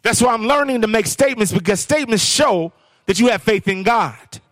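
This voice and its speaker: A man's voice: high-pitched, animated, brisk, a bit bright, no room sound, clean studio sound. A man preaching a sermon as guest speaker, questioning the crowd and rising into sing-song phrases. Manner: call-and-response preaching, sing-song rises.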